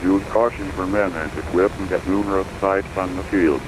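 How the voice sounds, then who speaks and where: A man's low, level voice plays as an automated airport weather broadcast over a noisy radio channel, with a cockpit hum behind it. He reads the runway notices and weather in an unbroken monotone. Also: moderate pace. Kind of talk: recorded airport information broadcast.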